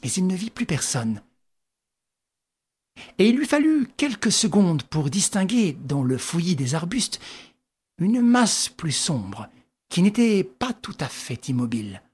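A woman reading a classic adventure novel aloud as scripted narration, telling it dramatically with lively rises. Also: lowish voice, measured pace, slightly rough. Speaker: audiobook reader.

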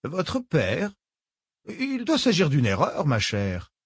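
A man's voice: fairly high pitch, wildly swooping pitch, takes it slowly, breathy edge, dry recording, studio quality, pitched above the performer's own voice, full character voice. A man doing a falsely sweet sinister old lady. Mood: feigned innocence. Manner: honeyed, menacing, repeats "ma chère".

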